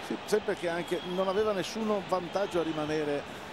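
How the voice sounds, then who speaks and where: A man analysing a live football match as co-commentator, talking conversationally and haltingly, repeating his phrases. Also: high-pitched. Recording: very noisy stadium broadcast.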